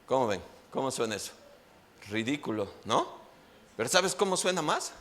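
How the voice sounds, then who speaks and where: A man preaching a Sunday sermon in church, animated and asking the congregation rhetorical questions. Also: medium pitch, normal speed, a little hiss or hum.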